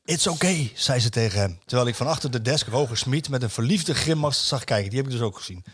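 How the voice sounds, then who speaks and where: A man's voice: medium pitch, fast talker, slightly rough. A man hosting a football talk show, chatting and reading a column aloud with hesitant fillers. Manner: hesitant, many fillers, chuckles while reading. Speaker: football radio show host.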